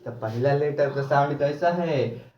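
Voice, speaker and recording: A man's voice: a little high, unhurried, darkish tone, a little hiss or hum. Man teaching grammar in an echoey room. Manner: repeats questions and answers them himself, drilling. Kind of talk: classroom lecture. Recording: echoey room, distant mic, dull sound.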